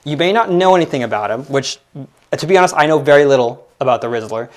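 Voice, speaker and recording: A young man in his late twenties chats through his own podcast. His voice sits in a middle pitch, and he wanders through thoughts with frequent fillers and self-deprecating asides. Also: expressive, fast. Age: 20s. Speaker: podcast host. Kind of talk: casual solo commentary.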